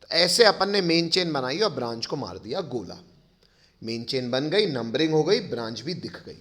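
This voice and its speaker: A man's voice: medium pitch, animated, normal speed, a bit bright. A man teaching a chemistry lecture, explaining step by step, calling his pupils kids and often checking whether they follow. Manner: addresses pupils affectionately as kids.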